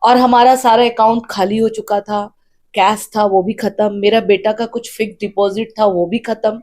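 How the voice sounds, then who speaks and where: A woman, earnestly telling an interviewer her personal story with deep feeling. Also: fairly even intonation, normal speed, a little mellow. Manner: earnest storytelling, tearful at times. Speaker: interviewee, wife of a candidate. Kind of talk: emotional personal account.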